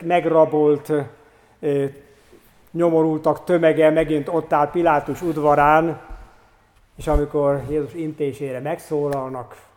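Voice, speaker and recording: A man's voice: a little high, a little mellow. Earnest man preaching in a reverberant church. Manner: earnest preaching with pauses and hesitations. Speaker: pastor. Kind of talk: sermon.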